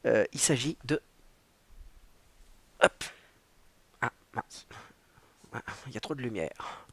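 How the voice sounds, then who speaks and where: Man, gravelly voice, lively pitch, rambling self-mocking livestream host. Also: takes it slowly. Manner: drops in playful mock English. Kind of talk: casual solo livestream chat.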